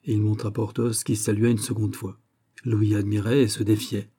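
Male audiobook narrator, low pitch, dark, measured reading. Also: level tone.

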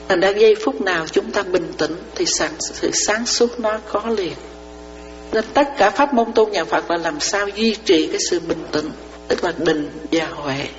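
A woman, a Buddhist nun, giving a dharma talk to lay followers. She explains through parables and often asks whether her listeners understand. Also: medium pitch. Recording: reverberant hall, dull lo-fi sound, faint mains hum.

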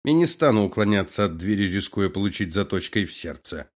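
A man reading an audiobook, voicing a cold, calm male colonel who gives orders and gloats. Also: lowish voice, fairly quick, natural voice. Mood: cold, commanding.

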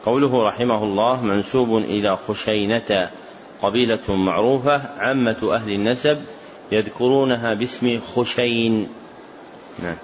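Low-voiced sheikh giving lesson comments. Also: male voice, steady tone, normal speed. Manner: brief scholarly corrections, ends each with a curt "yes". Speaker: teaching sheikh. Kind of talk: classical Arabic lesson commentary. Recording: dull lo-fi lecture recording with faint hiss.

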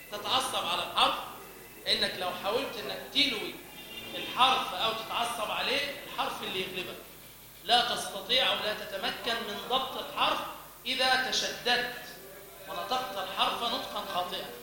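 A man giving a religious lesson on pronouncing the call to prayer, demonstrating sounds by chanting and repeating syllables. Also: high voice. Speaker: teacher of the call to prayer and Quran recitation. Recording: echoey hall.

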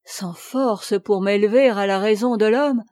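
A woman reading a classic novel aloud as an audiobook, in a measured, expressive way. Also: medium pitch, no echo. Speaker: audiobook reader.

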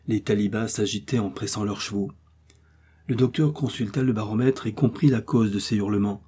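A man reading a classic adventure novel aloud as scripted audiobook narration, in a steady, measured way. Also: on the low side, breathy edge. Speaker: audiobook reader.

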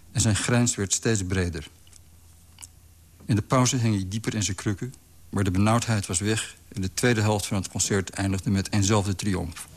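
A man reading a literary story aloud in a calm, measured way. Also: fairly low pitch. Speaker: narrator. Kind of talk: scripted literary narration.

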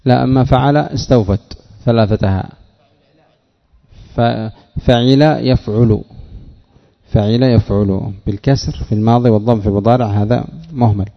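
A man teaching a classroom lesson, putting questions to his students and drilling word patterns slowly. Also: mid-range voice, fairly even intonation, gravelly. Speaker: teacher of Arabic morphology. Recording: dull audio with long hall reverb.

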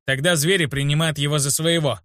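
A man's voice: fairly high pitch, steady tone, brisk, a bit bright, dry recording, clean studio sound, natural voice. A man voicing an earnest, insistent teenage boy, an apprentice druid.

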